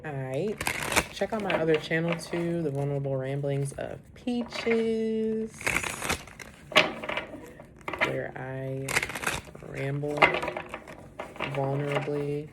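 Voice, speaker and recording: A woman's voice: rumbling low, gravelly. A woman giving a rambling, casual tarot reading, drifting now and then into a whisper. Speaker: tarot reader. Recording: loud background noise.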